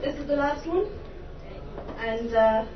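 Performing her poetry live, an Irish woman speaks slowly in a high, animated voice, impassioned and theatrical, with wry humor in her asides. The venue recording is distant, roomy and dull, and background noise can be heard.

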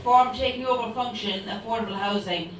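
A woman's voice: mid-range voice, fairly quick, a bit bright, far from the mic, slight background noise. Woman reciting poetry in an echoey room. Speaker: poet reading her work. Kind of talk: poetry reading.

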